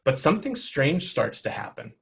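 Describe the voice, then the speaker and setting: A man's voice: a little high, big pitch swings, moderate pace, vocal fry, a bit bright, slight background noise. Guy running a tabletop game for kids, patient and encouraging, explains every step. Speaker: game master. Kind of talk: narrating a tabletop game for children.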